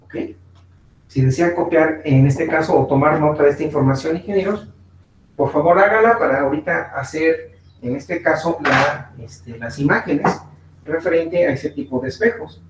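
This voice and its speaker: Man lecturing in an echoey room. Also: on the high side. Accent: Mexican Spanish. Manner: slow, repetitive explaining with frequent fillers and check-ins. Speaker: physics teacher. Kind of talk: online class lecture. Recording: echoey room, distant mic, faint noise.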